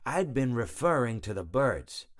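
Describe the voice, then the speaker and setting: A man's voice: medium pitch, sing-song, slow. A man voicing a genial, darkly blasé animatronic hippo in a video game, telling stories in a rambling, hesitant, self-correcting way. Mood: wistful, rambling. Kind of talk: storytelling monologue, video game voice acting.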